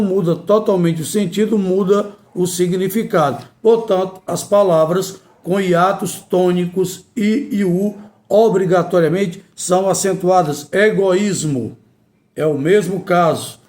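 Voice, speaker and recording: A man teaching spelling rules in a slow, deliberate way, repeating each key word. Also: high voice, darkish tone. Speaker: Portuguese language teacher. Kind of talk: grammar lesson.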